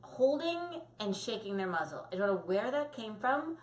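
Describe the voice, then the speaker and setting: Lively woman dog trainer in echoey room. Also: on the high side, moderate pace. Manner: lively, acts out puppy and owner voices. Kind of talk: casual training tips to camera.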